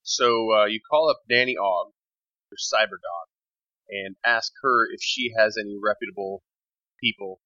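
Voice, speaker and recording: A game master narrating a tabletop game in a relaxed, easygoing way. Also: mid-range voice, normal speed, no room sound, lo-fi sound.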